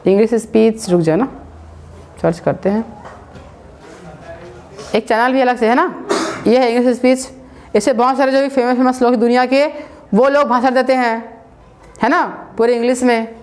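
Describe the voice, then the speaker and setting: A woman with a slightly high voice teaches spoken English in a loose, chatty classroom way. She repeats herself often and keeps checking that her listeners follow, slipping English words into her talk. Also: steady tone, normal speed, long pauses, darkish tone, slight background noise.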